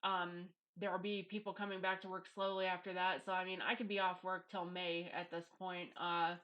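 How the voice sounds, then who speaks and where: A woman's voice: on the low side, flat delivery, moderate pace, a bit bright, highs cut off. A middle-aged woman talking casually and bluntly in a confessional video monologue, self-deprecating, recorded on a headphone mic in a home office. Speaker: YouTube vlogger. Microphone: headphones used as microphone.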